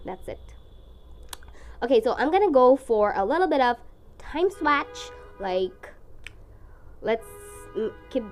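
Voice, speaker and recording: A young woman with a congested, strained voice from the flu, chatting casually and expressively as she narrates her painting. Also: fairly high pitch. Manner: expressive, dramatic, self-deprecating. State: sick with flu. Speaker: art vlogger.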